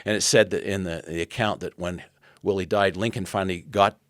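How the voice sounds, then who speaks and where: Older guy on a podcast telling a history story, earnest, fairly low voice, dry sound. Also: steady tone, fairly quick, no room sound. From United States. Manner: earnest, retells events with quoted dialogue. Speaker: podcast guest.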